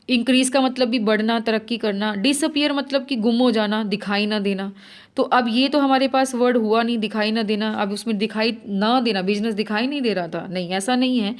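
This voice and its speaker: A woman teaching an exam-prep lesson, asking and answering her own questions as she walks through each answer and reading English sentences out slowly. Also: a little high.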